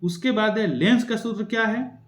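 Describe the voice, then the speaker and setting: A young man teaching an exam-prep science lesson, quickly asking and answering his own questions. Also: high voice, roomy sound.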